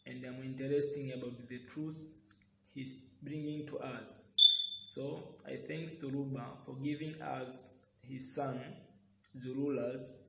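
A man's voice: mid-range voice, steady tone, slow, vocal fry, noisy background. A young Tanzanian man giving an earnest, simply worded testimony to the camera indoors. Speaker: church member giving testimony. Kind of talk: video testimony. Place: indoors in a room. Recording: echoey room.

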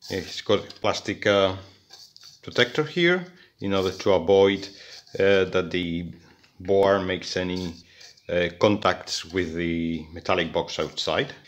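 At his indoor workbench, an electronics hobbyist walks through a hands-on repair in a low, slow voice. He sounds hesitant, filling his speech with fillers and frequent restarts.

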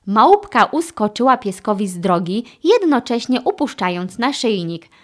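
A woman narrating a children's audiobook with expressive storytelling. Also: a little high, moderate pace.

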